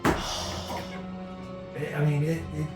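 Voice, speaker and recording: Man, game master, casual halting narration, frequent check-ins, roomy distant recording, background music. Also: a little high, completely flat delivery. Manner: halting, checks in with "you know" and "right?".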